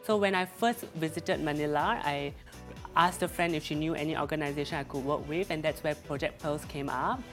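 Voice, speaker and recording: A young social media creator from Singapore, appearing as a guest, chats casually and laughs as he talks, restarting often and using many fillers. His voice is on the high side and fairly bright, and he speaks a little fast. Soft music plays in the background.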